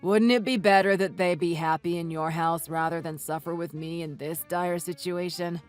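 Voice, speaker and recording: A man's voice: on the high side, steady tone, normal speed, clean tone, close to an everyday voice. Man voicing an evasive, self-excusing husband. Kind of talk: read-aloud text-message story. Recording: dry voice with soft music underneath.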